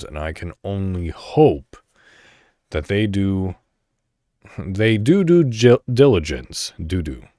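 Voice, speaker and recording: A podcast host with a low, slightly mellow male voice talks casually on his solo show, wandering into rambling asides and sometimes reading articles aloud. The recording is studio quality with no room sound.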